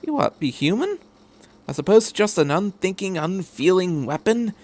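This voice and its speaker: In a fan fiction story, a man voices an eccentric time-travelling character with a fairly high voice at normal speed. He sounds impassioned and insistent, reassuring and energetic, stressing words earnestly and repeating them to drive his point home.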